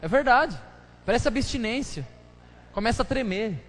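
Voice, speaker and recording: A man's voice: very high voice, animated, moderate pace, fairly bright tone. A pastor preaching a casual, joking sermon full of slang, chatting with his congregation during a live church service. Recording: live church hall reverb, faint noise.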